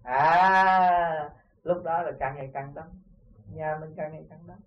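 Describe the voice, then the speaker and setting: A Southern Vietnamese man with a high voice for a man teaches disciples in an earnest, conversational way, telling parables and checking that they follow. The sound is thin and phone-like, picked up from some distance away, as on an old tape recording. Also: fairly even intonation, measured pace. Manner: earnest, repeatedly asks "see?". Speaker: spiritual teacher. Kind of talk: informal dharma talk with parables.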